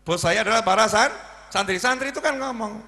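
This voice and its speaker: A man's voice: high voice, fairly quick. Man, Javanese accent, preacher, humorous sermon, acts out dialogue, long reverb of a large hall. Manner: lively storytelling, acting out dialogue. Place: religious gathering hall.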